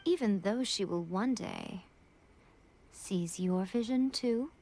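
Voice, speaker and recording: Yae Miko, sly composed shrine priestess. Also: female voice, medium pitch, expressive, vocal fry, a little mellow, slight background noise. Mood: wry, probing. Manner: teasing, measured, knowing. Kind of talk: video game cutscene voice acting. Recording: music under the voice.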